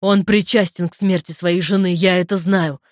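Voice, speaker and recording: Brief: woman doing a loud, swearing protective brother, insistent, dry close sound. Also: mid-range voice, steady tone, fast, no room sound, natural voice. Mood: furious. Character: furious protective older brother on phone.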